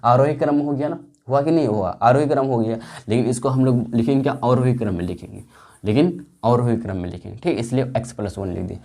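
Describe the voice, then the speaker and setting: A man's voice: mid-range voice, fast, gravelly, mellow. A man teaching a maths lesson, asking questions and answering them himself, with a lot of repetition. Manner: asks and answers his own questions, repetitive. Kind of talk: classroom lesson.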